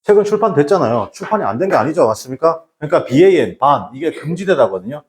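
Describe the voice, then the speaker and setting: A man's voice: fairly high pitch, big pitch swings, quick pace. A man lecturing a class on exam English, blunt and scolding, who keeps throwing rhetorical questions at his students. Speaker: English lecturer for transfer exams.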